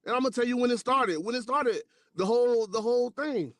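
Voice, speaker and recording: A man's voice: very high voice, fairly quick, a bit bright, no echo, studio quality. A man in a heated debate, defensive and stammering through restarts.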